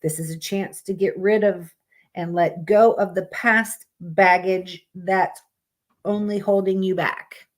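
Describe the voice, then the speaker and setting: A woman's voice: fairly low pitch, steady tone, slow. A woman streaming live, reading out monthly horoscopes in a casual way and breaking off with blunt, swearing asides. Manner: reads aloud plainly, breaks off with swearing asides.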